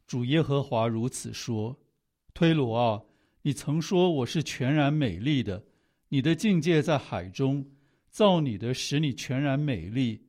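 A man reading scripture aloud in a steady, measured way. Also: mid-range voice. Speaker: scripture reader.

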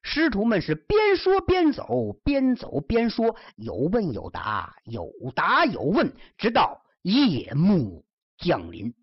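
A woman's voice: medium pitch, slow pace, husky, no room sound, lo-fi sound. A woman telling a story in traditional storyteller style, with chatty asides to the listener. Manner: lively, chatty asides to the listener with rhymed verse closings.

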